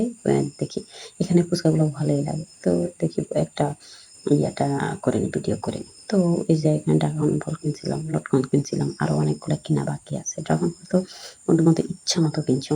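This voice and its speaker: A woman's voice: sits low, creaky, mellow, slight background noise, poor audio. A woman narrating her family outing in a casual, rambling voice-over, repeating herself and adding fillers. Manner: rambling, repetitive storytelling with many fillers. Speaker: vlogger and mother.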